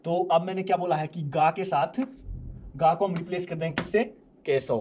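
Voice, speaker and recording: Young man, language teacher, slightly raised pitch, repeats examples slowly, faint hiss behind. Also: fairly even intonation, a little mellow. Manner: repeats examples slowly, asks and answers own questions. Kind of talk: explaining grammar step by step.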